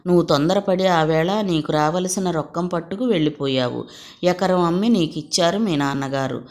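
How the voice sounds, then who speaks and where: A woman voicing an aging village mother who scolds and laments in a low, rather plain voice. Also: moderate pace, darkish tone, lightly acted. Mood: scolding. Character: aging village mother, stern yet grieving.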